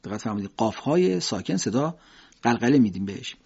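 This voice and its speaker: A man teaching Quranic recitation, demonstrating each letter slowly and repeating the examples. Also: mid-range voice, big pitch swings, vocal fry, a little mellow, husky. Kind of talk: religious pronunciation lesson. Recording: dull lo-fi audio.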